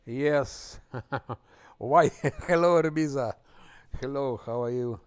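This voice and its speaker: Slow-talking male streamer chatting casually. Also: medium pitch, smooth. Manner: unhurried, thinking aloud, chuckles often. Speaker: game streamer. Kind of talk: casual live-stream chat while playing.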